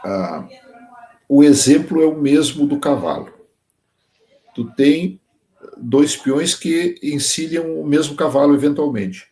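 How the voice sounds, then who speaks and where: A sheep dog trainer appears as a guest on a casual podcast interview, explaining working dogs through farm examples and checking that the listener follows. His slightly high, warm voice has lively intonation, and he speaks slowly with long pauses.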